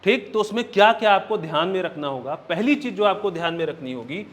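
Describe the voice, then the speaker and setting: High-voiced male teacher lecturing. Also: lively intonation, fairly quick. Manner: checks in often with "right?" and "okay?"; explains step by step, counting points aloud. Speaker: exam coaching teacher. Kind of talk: classroom lecture.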